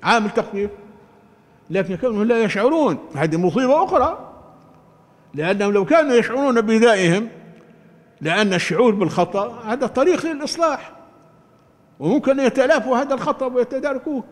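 An older man teaching Quran commentary in a deliberate, emphatic lecture style, often restarting his words. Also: extremely high pitch, animated. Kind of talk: religious lecture. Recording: long hall reverb.

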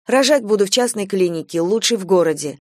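A woman's voice: medium pitch, expressive, brisk, a little mellow, dry recording, clean studio sound, natural voice. A woman reading an audiobook, voicing a young pregnant wife who defends her husband in a raised, pleading voice.

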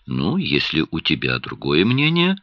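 A man's voice: rumbling low, wildly swooping pitch, measured pace, no room sound, highs cut off, full character voice. A man reading an audiobook, voicing a tired, short-tempered young father who keeps his tone guarded. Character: weary, irritable young father and doctor.

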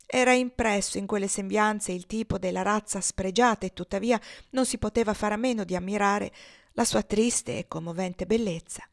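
A woman narrating a classic novel for an audiobook, in a measured, expressive reading. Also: medium pitch, no echo, studio quality. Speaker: audiobook reader.

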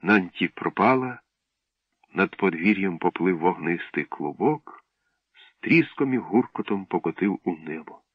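A man reading a story aloud in a measured, expressive narration. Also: sits low, no room sound. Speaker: audiobook narrator. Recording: dull lo-fi, dry.

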